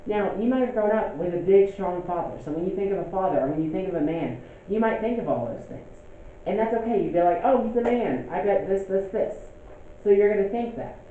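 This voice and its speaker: In a thin, phone-like recording with strong room echo and light hiss, a young man teaches a casual class, often asking "okay?" to check in. His voice runs a little high for a male, and his intonation is lively and conversational.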